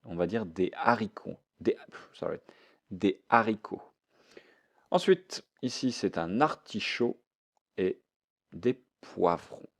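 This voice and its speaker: Man, French teacher, classroom lesson, repeats words, slow delivery. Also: on the low side, animated. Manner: repeats each word slowly, mixes French with English explanations.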